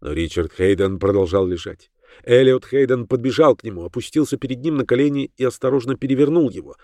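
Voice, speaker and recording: A man narrating an audiobook in a measured, dramatic manner. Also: mid-range voice, animated, a little mellow, no echo, clean studio sound.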